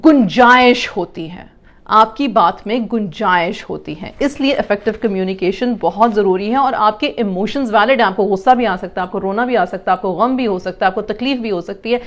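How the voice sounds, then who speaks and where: A woman explaining communication to parents, mixing in English terms and acting out example lines. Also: mid-range voice.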